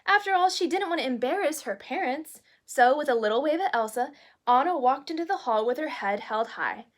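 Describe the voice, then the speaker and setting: Reading a children's story in the role of a princess, the storyteller speaks briskly in a high voice with lively intonation. She narrates expressively and pauses for small asides to the kids listening.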